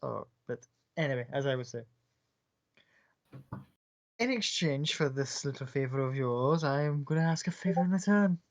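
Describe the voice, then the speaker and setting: A man's voice: mid-range voice, moderate pace, pauses often, close to an everyday voice. A man voicing a sly older male fixer who trades favours, theatrical and courtly, calling people "my dear". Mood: scheming. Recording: muffled lo-fi recording.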